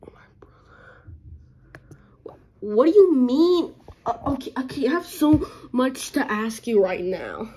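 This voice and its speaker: A woman acts out a fan story in several voices, speaking slowly and hesitantly. Her tone is mellow and soft, and she often drops into a whisper. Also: high-pitched, sing-song, slight background noise. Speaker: plush toy video performer. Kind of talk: improvised fan story acting.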